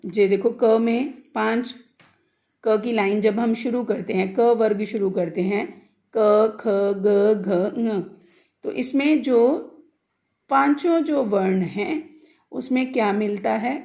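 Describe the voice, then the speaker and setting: A woman's voice: on the high side, a little mellow. A woman teaching a Sanskrit grammar lesson, asking the class questions and answering them herself, sounding out letters one by one.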